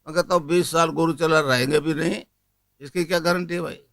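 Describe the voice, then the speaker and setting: Old man guru, high bright voice. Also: fairly even intonation. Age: 80s. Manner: folksy, rhetorical questions, chants mantra slowly. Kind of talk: spiritual discourse to followers.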